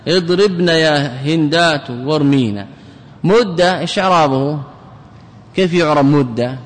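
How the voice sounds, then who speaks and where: A man teaching classical grammar as a sheikh, drilling example words and putting quick questions to his listeners. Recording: long reverb with faint rumble.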